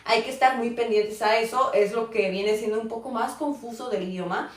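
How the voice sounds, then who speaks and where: A woman's voice: fairly high pitch, moderate pace. A woman teaching a live online Mandarin class, explaining patiently and often checking in with "ok?". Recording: roomy echo, voice far from the mic.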